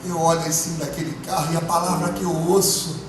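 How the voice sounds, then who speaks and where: A man, a pastor, giving an emotional testimony sermon, moving between hushed and loud. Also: fairly high pitch, level tone, quick pace. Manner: impassioned, swinging from hushed to loud. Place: church. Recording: echoey church hall from far off, music behind.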